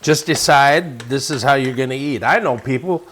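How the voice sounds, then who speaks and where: A man from Wisconsin in the United States, with an American accent, hosts a lifestyle and cooking show, chatting casually as he demonstrates a dish. His mid-range voice is fairly bright and moves at a normal speed, and his manner is folksy and encouraging.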